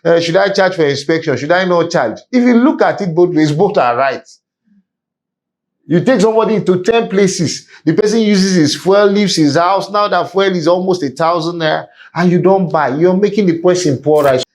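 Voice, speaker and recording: A man's voice: high-pitched, moderate pace. A man with a Nigerian accent speaking as an interview guest, making his points emphatically with parables and rhetorical questions, like someone preaching. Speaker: podcast guest, real estate business executive. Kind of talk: conversational interview with opinionated advice.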